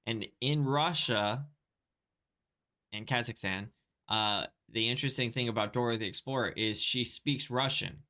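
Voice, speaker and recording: A man's voice: medium pitch, unhurried, bright, forceful tone. A man co-hosting a podcast in casual chat, laughing often and trailing off into restarts. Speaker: podcast co-host. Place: living in Korea.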